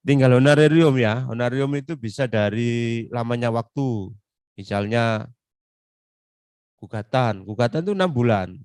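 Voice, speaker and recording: A middle-aged man with an East Javanese accent giving a chatty classroom lecture on law practice, acting out client talk in quick asides. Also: medium pitch, darkish tone, clear, resonant tone, no echo.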